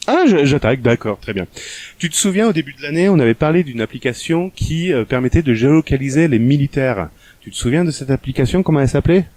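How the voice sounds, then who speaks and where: A man co-hosting a casual tech news podcast, wry and quick to laugh, teasing his co-host. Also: medium pitch, expressive, darkish tone, no room sound.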